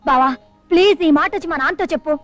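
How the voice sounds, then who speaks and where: Brief: giddy, teasing young daughter, very high voice, rapid chatter, dry sound, 1980s film. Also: female voice, fairly bright tone, faint music behind. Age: young adult. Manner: bubbly, mixes in English words, catchphrase.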